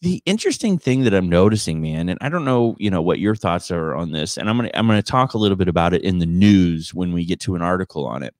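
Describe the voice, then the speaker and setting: A man's voice: deep voice, lively intonation, fast talker, hardly any pauses, dry recording, studio quality. A man hosting a podcast in casual chat, telling stories in a rambling, teasing way. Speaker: podcast host and stand-up comedian.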